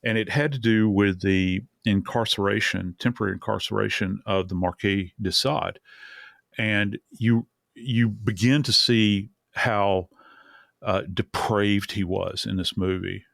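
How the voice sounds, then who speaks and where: Gravelly man, earnest and drawn-out. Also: lowish voice, fairly even intonation, fairly bright tone, no room sound, clean studio sound. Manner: earnest, drawn-out, many restarts. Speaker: forensic expert co-host. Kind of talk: true crime podcast discussion.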